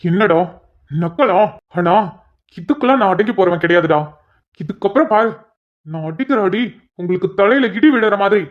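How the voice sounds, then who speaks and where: A woman's voice: mid-range voice, animated, normal speed, natural voice. A woman voicing a young, spoiled, rich male villain who makes sneering threats. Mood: defiant. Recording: dull lo-fi audio.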